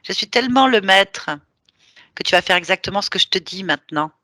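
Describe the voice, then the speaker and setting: A woman's voice: mid-range voice, animated, fairly quick, pushed and bright, no echo, studio quality. A woman leading a hypnosis session, giving firm, teasing commands.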